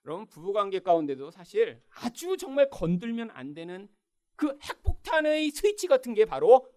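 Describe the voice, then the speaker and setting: Brief: male church pastor, emphatic sermon delivery, full of rhetorical questions, lively pitch. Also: normal speed. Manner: emphatic, keeps addressing the congregation with rhetorical questions.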